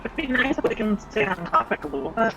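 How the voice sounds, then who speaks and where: A woman player in a casual tabletop game, talking bluntly and pushing to stay on topic. Her voice comes through robotic and glitchy, like low sample rate audio. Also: big pitch swings, fast, over loud music, rough recording. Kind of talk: casual tabletop game chat over a call. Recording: garbled online call with loud noise.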